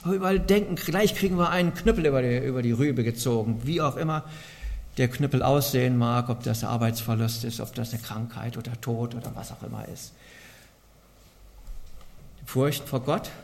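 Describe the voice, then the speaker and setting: A man's voice: medium pitch, moderate pace, vocal fry. A man preaching a sermon in an earnest way, asking the congregation many rhetorical questions. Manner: earnest, asks rhetorical questions, varies loudness a lot.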